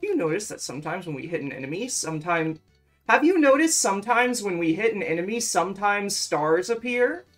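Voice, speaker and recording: Woman doing a lets play, reads the game text out loud all bouncy and jokey, faint music under it. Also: medium pitch, big pitch swings, a little fast. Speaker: let's play co-host. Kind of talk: casual gameplay chat, reading game dialogue aloud.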